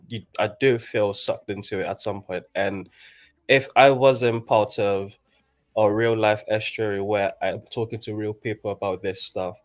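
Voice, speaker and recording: A young man in his twenties, from Nigeria, speaking in a fairly low voice. He talks casually and haltingly, restarting phrases as he works out his thoughts in a group conversation. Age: 20s. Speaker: guest in a group chat. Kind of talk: casual chat.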